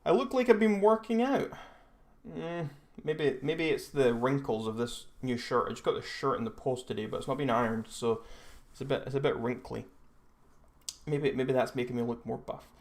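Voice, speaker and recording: Hosting a livestream, a young man from Scotland chats in a loose, rambling way, often starting over and correcting himself. He has a mid-range voice and keeps a moderate pace.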